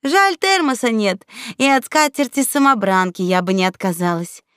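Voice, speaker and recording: A woman voicing a cheerful, resourceful young girl in a storybook reading, speaking brightly. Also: on the high side, expressive, normal speed, smooth, dry recording, studio quality.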